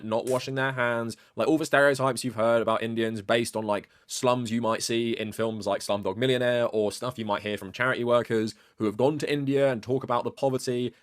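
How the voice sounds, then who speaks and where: A man's voice: mid-range voice, no room sound, studio quality. Explanatory video essayist man. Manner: steady, explanatory, many "like" fillers. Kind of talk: commentary video narration.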